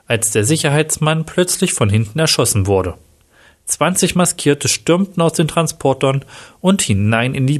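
A man reading a crime story aloud in an even, steady storytelling voice. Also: medium pitch. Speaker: narrator.

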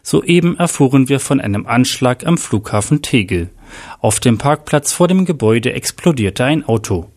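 Guy doing a radio newsreader bit, formal, even delivery, middle pitch. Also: normal speed, close to an everyday voice. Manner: formal news reading. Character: male radio news announcer.

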